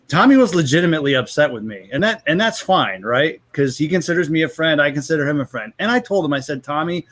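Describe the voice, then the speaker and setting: A man's voice: a little high, a bit bright. A man in his thirties, a guest on a livestream panel, explaining himself in frank, rambling casual chat. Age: 30s. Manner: frank, rambling, self-justifying.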